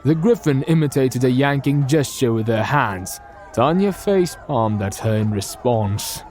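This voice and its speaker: A man narrating an audio drama with steady, scripted storytelling. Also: medium pitch, unhurried, some chatter behind.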